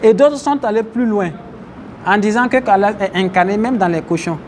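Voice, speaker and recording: A man's voice: high-pitched, normal speed, darkish tone, slight background noise. A man teaching a religious class, explaining Arabic terms and questioning his listeners. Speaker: Islamic teacher. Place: mosque, faint outdoor traffic behind.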